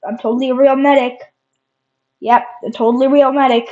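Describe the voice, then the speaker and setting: Girl putting on a shady fake medic, bouncy high voice, kinda muffled audio. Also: flat delivery, a little fast, darkish tone, lightly acted. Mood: sly. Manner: playful, overly insistent. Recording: dull lo-fi recording.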